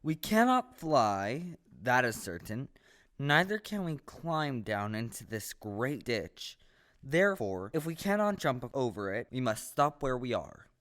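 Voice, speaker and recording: A man playing an earnest, naive straw scarecrow in a stage audio play, talking with simple deliberate logic. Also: medium pitch, big pitch swings, fairly bright tone. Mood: reasoning, eager.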